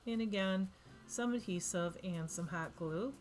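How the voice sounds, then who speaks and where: Over faint background music, a woman speaks at medium pitch in a slightly mellow voice and a measured pace, her voice fading from a cold. The craft vlogger rambles chattily through her project's voice-over, correcting herself often and saying um a lot.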